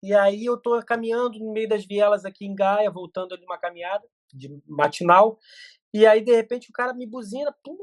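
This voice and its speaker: A man's voice: high voice, dry recording, studio quality. A middle-aged man, a podcast guest telling stories in casual chat with many restarts. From Brazil. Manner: rapid storytelling with many restarts.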